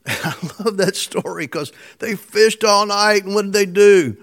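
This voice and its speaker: High-voiced preacher, chuckling storyteller. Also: male voice, slow. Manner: swings from loud emphasis to soft hush. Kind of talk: sermon.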